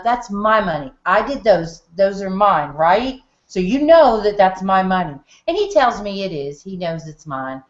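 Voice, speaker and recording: A middle-aged woman telling her story on a group call from her home office, lively and acting out the dialogue. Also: medium pitch. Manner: animated storyteller who acts out quoted dialogue. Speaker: testimonial speaker on a group call. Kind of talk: casual storytelling testimonial. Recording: muffled roomy home call audio.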